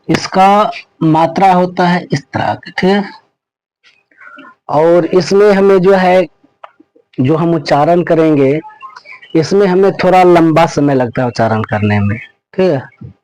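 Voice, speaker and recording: Slow, repetitive male teacher. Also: fairly high pitch, darkish tone, no echo, rough recording. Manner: slow, repeats rules and words over and over. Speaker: English teacher. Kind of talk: pronunciation lesson.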